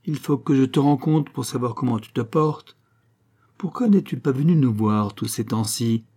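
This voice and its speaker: A man voicing a small, bossy middle-aged mother who scolds her grown son without pause. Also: mid-range voice, mellow, close to an everyday voice. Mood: scolding. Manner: rapid-fire scolding.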